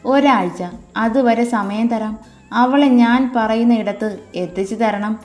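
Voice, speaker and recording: A woman's voice: on the high side, a little slow, lightly acted. Woman voicing a menacing, arrogant boss. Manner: contemptuous, commanding. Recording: echoey room with soft music.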